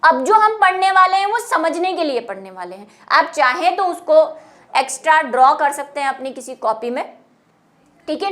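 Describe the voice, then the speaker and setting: A woman's voice: sits high, fairly bright tone. A woman teaching a biology lecture, explaining terms patiently in Hindi and English. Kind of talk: classroom lecture.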